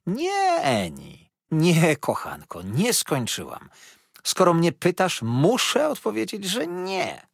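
A man's voice: on the high side, wildly swooping pitch, slow pace, vocal fry, husky, no echo, clean studio sound, voice pushed up, heavily acted. A man voicing a talkative, pushy old mother-in-law in an audiobook, gushing and insistent.

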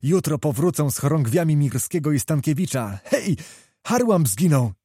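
A man voicing a small, fiery male knight who calls out battle news in an excited, breathless way. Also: a little high, moderate pace, husky, dry recording, clean studio sound, full character voice.

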